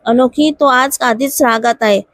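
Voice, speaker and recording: A woman voicing a calm male colleague who gently tries to talk someone out of something. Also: high voice, unhurried. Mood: cautioning. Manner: gently persuading.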